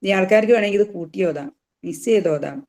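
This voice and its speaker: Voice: medium pitch, a little mellow. Teacher drilling Quran recitation rules. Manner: explains rules, then recites words slowly and drawn out; repeats words and terms to drill them. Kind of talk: tajweed lesson.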